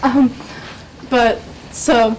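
A woman's voice: on the high side, steady tone, extremely slow, darkish tone, a little hiss or hum, rough recording. A teenage girl, a student, thinking aloud in a group discussion and losing her thread at times. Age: teens. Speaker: student participant. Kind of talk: discussion contribution. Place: school library, indoors.

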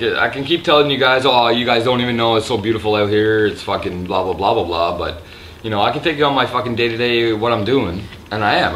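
A slightly drunk man with a raspy throat, rambling and swearing loosely in a casual vlog, filmed on a handheld camera in a resort hotel room. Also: deep voice, fairly bright tone, a little hiss or hum. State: a little drunk. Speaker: vlogger. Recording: echoey room with faint ambience.

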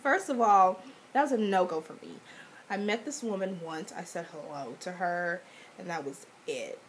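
A woman's voice: lowish voice, moderate pace, rough recording. A young woman with a sick, stuffy-nosed voice gives casual advice to camera in a vlog. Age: young adult. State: sick with a cold, congested stuffy-nose voice. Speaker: vlogger. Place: small indoor room. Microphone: webcam or laptop mic at arm's length. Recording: webcam audio with faint background noise.

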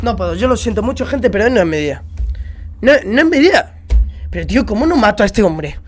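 A man's voice: high-pitched, big pitch swings, brisk, faint music behind. A man with a Spain Spanish accent giving live gameplay commentary, ranting in exasperation and swearing often. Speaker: gaming streamer.

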